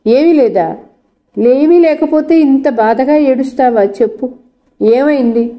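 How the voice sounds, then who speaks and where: A woman's voice: high-pitched, slow pace, mellow. Woman voicing a persistent, caring housemate. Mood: pressing. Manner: pressing questions, coaxing.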